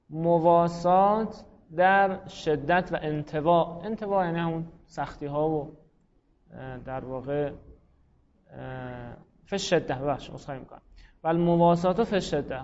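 A man's voice: fairly high pitch, darkish tone, muffled recording. A man teaching a class, explaining grammar patiently and calling on students by name. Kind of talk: classroom lecture.

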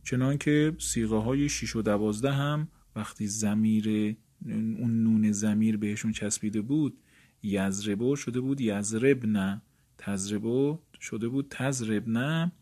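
A man's voice: fairly low pitch, warm tone. A man explaining a grammar lesson, repeating words for emphasis and addressing his listeners politely. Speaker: teacher.

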